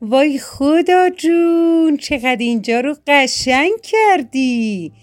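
A woman voicing a cheerful, gentle little bear cub in a children's storybook, speaking earnestly and with wonder. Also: fairly high pitch, expressive, close to an everyday voice.

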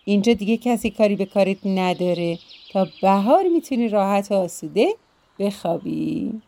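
A woman's voice: medium pitch, animated, vocal fry, dark tone. A woman voicing a flustered, motherly older housewife who exclaims and frets in a children's story. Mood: soothing.

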